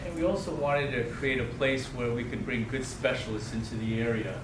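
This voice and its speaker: A man giving a welcome speech in front of an audience, speaking haltingly to the gathered crowd as one of the hosting partners. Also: medium pitch, fairly even intonation. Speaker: medical center partner giving opening speech. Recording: echoey, noisy venue, distant microphone.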